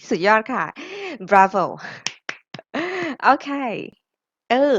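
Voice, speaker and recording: A woman's voice: medium pitch, very slow, a bit bright, no echo, highs cut off. A woman teaching an English lesson, drilling pronunciation and having listeners repeat after her.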